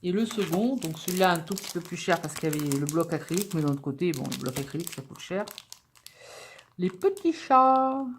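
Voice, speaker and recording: A woman's voice: deep voice, quick pace, hardly any pauses, noisy background. A woman vlogger chatting casually to camera as she unpacks a craft-supply haul, upbeat and full of little fillers. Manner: chatty and enthusiastic, with many fillers.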